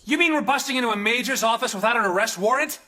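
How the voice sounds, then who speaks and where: A wisecracking laid-back soldier. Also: male voice, very high-pitched, racing, noisy background. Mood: wry. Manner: sarcastic, easygoing quips. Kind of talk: anime dub acting.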